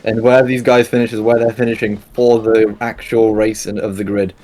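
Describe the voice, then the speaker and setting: A man's voice: on the low side, little pitch movement, moderate pace, darkish tone. A young man doing live sim racing commentary in a casual, rambling way, full of fillers and self-corrections. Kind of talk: live esports race commentary.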